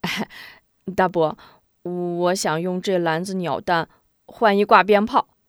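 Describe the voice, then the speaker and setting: A woman's voice: fairly low pitch, fairly even intonation, slow, smooth, no room sound, studio quality. A woman voicing an eager young village boy who pleads and coaxes.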